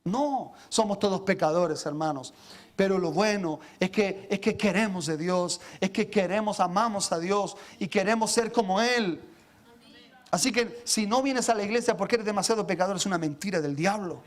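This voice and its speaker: A man's voice: sits high, moderate pace. A man, a pastor preaching an impassioned sermon who calls his listeners brothers and stumbles over repeated words as he presses his point.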